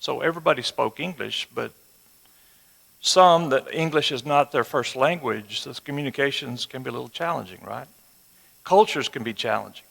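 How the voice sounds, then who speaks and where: In a reverberant hall, a sixty-something man from West Texas teaches the Bible through amplification to a live audience, using a twang and rhetorical check-in questions in a folksy, conversational manner. His medium-pitched voice is fairly bright, with vocal fry, at a moderate pace.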